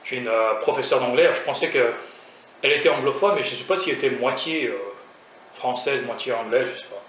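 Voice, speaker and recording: A fast talker with a medium-pitched, somewhat bright voice, this young man raised in France chats casually in a food vlog, full of fillers and restarts and quick to joke at his own expense. He is far from the mic, off axis in an echoey room, with faint noise.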